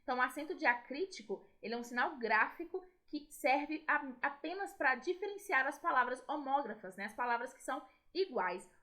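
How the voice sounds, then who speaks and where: A woman's voice: sits high, expressive, a little fast, few pauses, bright, forceful tone. A woman with a Brazilian Portuguese accent, a Spanish teacher explaining grammar in a recorded video lesson and often checking in with her students. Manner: explanatory, tag questions to students.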